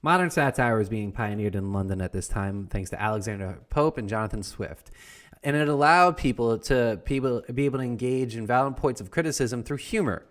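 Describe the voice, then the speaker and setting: A man with a medium-pitched, everyday-sounding voice takes on the role of a young colonial-era printer and founding father. As a jokey teacher, he gives a comedic history lesson in a wry, playful way.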